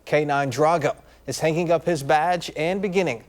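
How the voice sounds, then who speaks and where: Upbeat male news anchor, slightly high voice. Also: normal speed. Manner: upbeat, conversational asides. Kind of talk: evening newscast reading. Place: TV news studio.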